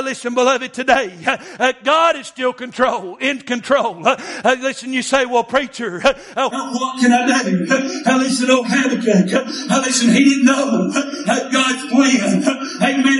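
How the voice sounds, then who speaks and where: A man preaching a sermon, stammering and filling his pauses with "uh" and "amen". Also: very high voice, a bit bright. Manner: stammering, punctuated by frequent amens.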